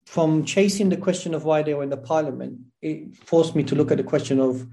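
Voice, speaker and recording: A man's voice: fairly high pitch, a little fast, dark tone. A man with a South London accent giving conversational, explanatory interview answers, often restarting and correcting himself as he goes. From South London, England. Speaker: interview guest, academic historian.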